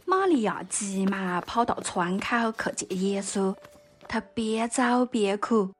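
Slow-paced woman storyteller, faint music. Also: medium pitch, lively intonation, slightly rough. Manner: slow, gentle, addresses listeners directly. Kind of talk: scripted Bible story narration.

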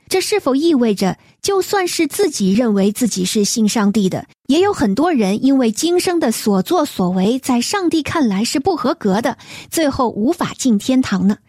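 Gentle, mellow-voiced woman radio host. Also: a little high, big pitch swings, no echo, clean studio sound. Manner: gentle, measured, reads letters aloud. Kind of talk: reading listener letters on a faith program.

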